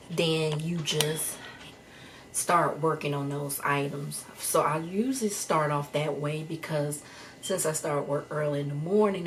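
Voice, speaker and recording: A woman working as an HR case manager, talking to her viewers in a relaxed, chatty vlog style from home. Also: low voice, a little hiss or hum. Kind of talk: casual vlog talk to viewers. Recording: a little distant from the mic, faint room ambience.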